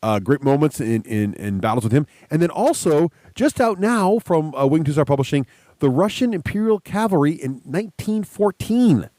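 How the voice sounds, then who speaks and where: A man's voice: a little high, expressive, moderate pace, dark tone, dry recording, clean studio sound. A man chatting casually and enthusiastically as a podcast host.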